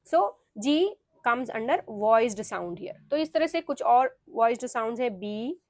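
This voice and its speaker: Slow woman teaching phonics. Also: a little high, lively intonation, no echo, clean studio sound. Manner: mixes Hindi and English, spells words letter by letter. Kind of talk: explaining phonics rules.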